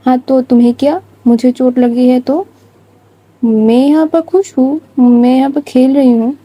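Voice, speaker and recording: A woman's voice: high-pitched, fairly even intonation, moderate pace, mellow, poor audio. A woman voicing a headstrong, carefree young woman who answers back with cheek and defiance in a story. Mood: defiant.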